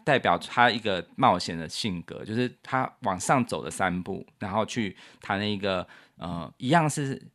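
A man's voice: fairly low pitch, animated, normal speed, few pauses, fairly bright tone. A man co-hosting a casual chat, patiently explaining his piano composition step by step and counting beats aloud.

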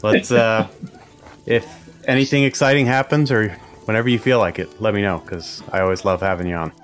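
Speaking briskly in a fairly low voice, a man hosts a podcast in a casual interview style. He has a slight New England accent and a faint nasal whine, and he rambles with many restarts.

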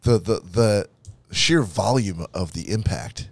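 A man's voice: lowish voice, expressive, slow, vocal fry, no echo. A man co-hosting a casual podcast, rambling through an anecdote with fillers. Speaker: podcast co-host. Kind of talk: casual chat.

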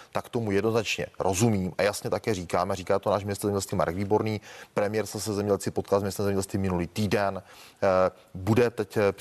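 A middle-aged man debates in a studio with a somewhat low voice. He is insistent and repeats words to cut into the other guest's turns. He talks like a seasoned politician defending his record. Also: a little mellow. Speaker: political guest, former minister.

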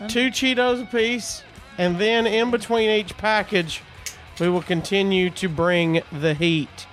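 A man co-hosting a casual snack-tasting show, talking in a playful, joking way with quick asides. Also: high-pitched, fairly even intonation, a bit bright, soft background music. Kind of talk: casual chat.

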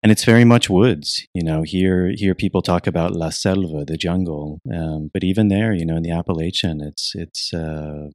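A young man from Virginia being interviewed, answering in a soft, reflective way with many restarts and fillers. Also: low-pitched, moderate pace, hardly any pauses, no room sound, studio quality. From United States (Virginia). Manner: soft-spoken, thoughtful, frequent restarts and fillers. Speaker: interviewee, retreat program teacher.

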